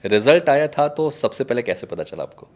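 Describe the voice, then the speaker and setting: A man's voice: mid-range voice, big pitch swings, brisk, a little mellow. A man hosting an interview, asking questions with enthusiasm and turning to speak to the audience. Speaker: interview host. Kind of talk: conversational interview.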